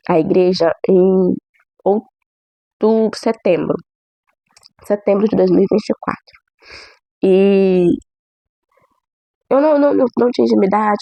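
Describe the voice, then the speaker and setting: Young Brazilian woman with a cold: husky, hoarse, chatty testimony, dry close recording. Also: mid-range voice, mellow, no echo. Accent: Brazilian Portuguese. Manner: chatty, many "né?" tags. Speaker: church member giving testimony. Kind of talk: casual testimony to camera.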